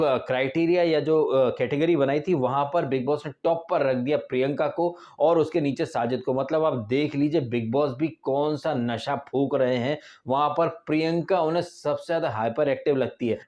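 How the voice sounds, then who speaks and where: A man reviewing a reality TV episode in casual, opinionated commentary, full of sarcastic rhetorical asides. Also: a little high. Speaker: TV show reviewer.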